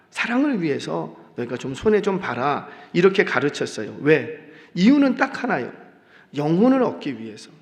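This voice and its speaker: A middle-aged male pastor preaching in a church, animated and often putting questions to the congregation. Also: sits high. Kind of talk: sermon. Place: church sanctuary. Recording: long church reverb.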